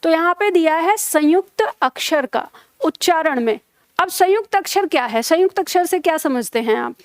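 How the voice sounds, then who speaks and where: High-voiced woman teaching grammar. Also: expressive, no echo. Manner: patient, repeats key terms slowly, checks "theek hai?". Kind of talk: live online grammar class.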